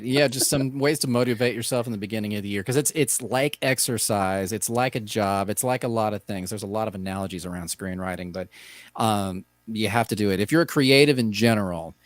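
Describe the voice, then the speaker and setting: A man's voice: on the low side, no room sound. A man from Texas co-hosting a casual podcast, bantering and joking with his co-host. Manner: jokey, playful banter.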